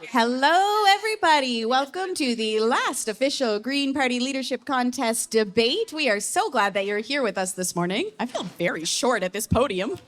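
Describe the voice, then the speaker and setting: A woman's voice: high-pitched, lively intonation, moderate pace, few pauses, fairly bright tone. A woman with a Newfoundland accent moderating a public event from a podium, speaking informally with self-deprecating, joking asides. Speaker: debate moderator. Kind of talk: event welcome and introductions at a podium.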